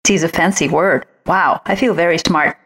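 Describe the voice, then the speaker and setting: Speaking at normal speed in a lowish, slightly bright voice, a woman born outside the United States gives advice in a chatty way as a visual branding expert interviewed as a guest.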